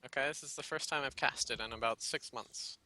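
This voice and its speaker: A man casting a live video game match in a casual, rambling way, often laughing and getting excited. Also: medium pitch, fairly quick. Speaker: game caster.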